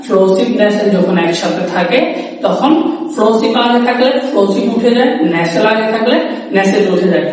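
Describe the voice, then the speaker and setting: A young man with a high voice teaches pronunciation, drawing out single sounds one by one and slipping English words into his explanation. He sounds far from the mic in an echoey room with a long ring after each phrase. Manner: repeats single sounds slowly and stresses points; mixes Bengali and English. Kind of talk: video lesson.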